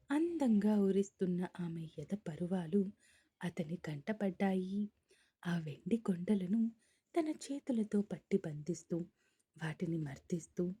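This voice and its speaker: A woman reading a romance story aloud as a storyteller, in an even narrating manner. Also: medium pitch, breathy edge. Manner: reads all characters' lines in her own voice, mostly even narration.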